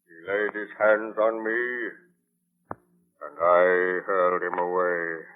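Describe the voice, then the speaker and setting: A man's voice: sits low, level tone, takes it slowly. A man playing an anguished, vengeful monster in a 1930s radio drama, speaking in a portentous, declamatory way. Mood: threatening. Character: anguished, vengeful male monster, lonely man-made creature. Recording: tinny band-limited 1930s radio broadcast.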